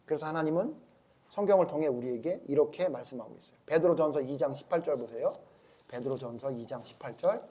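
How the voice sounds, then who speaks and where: Pastor, male, high-pitched, emphatic sermon delivery, questions and answers the congregation. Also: quick pace. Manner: emphatic, swings between loud urging and low asides.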